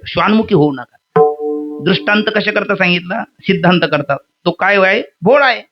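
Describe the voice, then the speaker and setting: Man preaching a lively kirtan. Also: high-pitched. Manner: lively storyteller acting out characters, chanting refrains. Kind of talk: devotional storytelling sermon. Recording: dull lo-fi sound.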